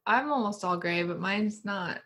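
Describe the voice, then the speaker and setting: A woman's voice: medium pitch, a little slow, bright, forceful tone. A woman in her thirties co-hosts a podcast in casual chat. She is chatty and laughs often as she talks. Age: 30s. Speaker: podcast co-host.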